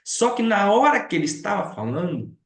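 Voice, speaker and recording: Animated pastor teaching, roomy echo. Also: male voice, high voice, a little fast. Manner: animated, chatty, often asks the listeners questions. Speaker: pastor teaching a missions class. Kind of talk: storytelling lesson.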